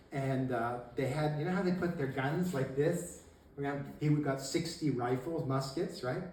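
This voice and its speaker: Speaking at a medium pitch, this man tells local history with energy, shouting out quoted lines and laughing frequently as he goes. The setting is a casual talk to an audience in a meeting room, recorded by a far-off camera with room echo and slight background noise.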